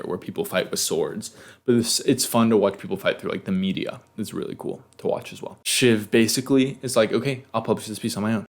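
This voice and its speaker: A young man recaps a TV episode on his own in a casual, rambling way. His voice sits low and has a gravelly edge. He restarts lines and drops quick asides as he goes. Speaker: TV recap host.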